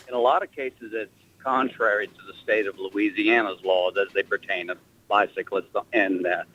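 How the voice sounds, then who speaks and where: A man's voice: lowish voice, fairly bright tone. A man calling in to a radio show over a clipped phone line, polite and slightly hesitant as he asks a two-part question. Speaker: caller. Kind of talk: call-in question on the air.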